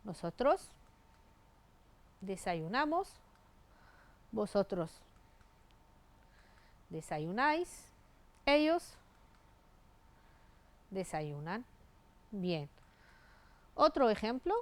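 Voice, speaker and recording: A woman's voice: medium pitch, sing-song, drawn-out words, long pauses. A woman teaching Spanish grammar, reading out verb forms one by one and spelling out the endings. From Tunisia. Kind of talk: grammar lesson.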